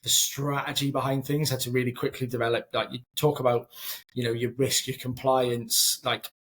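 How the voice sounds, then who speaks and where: In a small home room, a thirty-something founder from Scotland does a video-call interview with a flat, slightly bright mid-range voice at normal speed. He comes across as earnest and frequently repeats words as he thinks.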